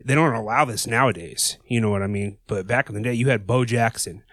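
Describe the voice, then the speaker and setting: A man's voice: mid-range voice, fairly quick, a bit bright, no room sound, clean studio sound. A man co-hosting in casual banter, rambling on with plenty of slang and swearing. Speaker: co-host. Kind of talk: casual banter with sponsor plug.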